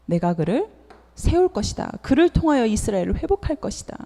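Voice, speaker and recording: A woman's voice: on the high side, big pitch swings, brisk, dark tone. A woman preacher voicing God as he gives firm orders to a prophet, heard in a reverberant church hall. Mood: firm command. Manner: commanding, firm.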